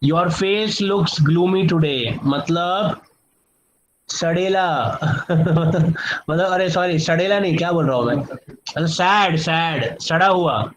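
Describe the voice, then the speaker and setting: A man's voice: fairly high pitch, slow pace, a little hiss or hum. A man teaching vocabulary in an online class, playful, quizzing students and repeating words. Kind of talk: online class, mixing Hindi and English. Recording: dull lo-fi online class audio.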